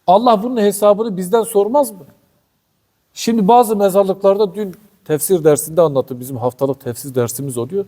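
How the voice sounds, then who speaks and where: A man preaching religious commentary in a fiery, indignant way, firing off rhetorical questions at his listeners. His voice sits high for a man, with a dark, mellow tone. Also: moderate pace. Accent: Turkish. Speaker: Quran commentary teacher. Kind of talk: passionate religious commentary talk.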